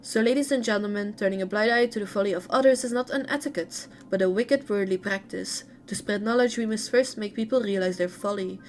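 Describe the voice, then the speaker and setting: A woman voicing a proud, sharp-tongued male genius scholar from a game's lore, in a cutting, condescending lecturing manner and close to her own mid-pitched voice. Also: fairly quick, few pauses, a little hiss or hum, close to an everyday voice.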